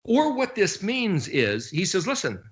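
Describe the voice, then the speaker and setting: Brief: male Bible teacher, a touch high-pitched, casual study-talk delivery, sarcastic asides, spells out Hebrew letters slowly. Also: lo-fi sound. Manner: animated, with sarcastic asides and sudden jumps in pitch.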